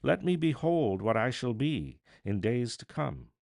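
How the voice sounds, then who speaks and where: A man's voice: medium pitch, big pitch swings, a little slow, vocal fry, a little mellow, no room sound, clean studio sound. A man voicing a solemn, anxious older man in a storybook, pleading in a grave and formal manner. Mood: anxious, urgent.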